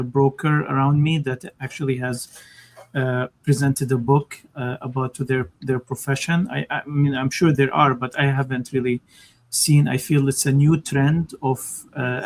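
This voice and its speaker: A man interviewing an author, asking questions hesitantly with many pauses and restarts. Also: medium pitch, a little hiss or hum.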